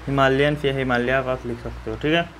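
This man's voice sits in the mid range, a bit bright, steady in tone and moderate in pace, with a slight hiss or hum. He teaches students to fill in a map step by step, warmly reassuring them and often addressing questions to viewers.

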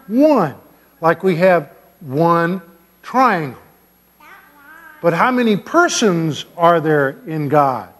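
A man's voice: fairly high pitch, big pitch swings, takes it slowly, long pauses. Older man pastor quizzing children. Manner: gentle questioning of children, playful. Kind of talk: children's sermon. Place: large church sanctuary. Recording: long church reverb.

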